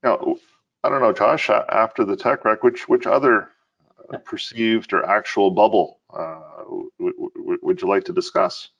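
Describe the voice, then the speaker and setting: A man's voice: on the low side, moderate pace, vocal fry, fairly bright tone, lo-fi sound. A man co-hosting a casual finance podcast, talking animatedly with laughing asides and stammered restarts. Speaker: podcast co-host.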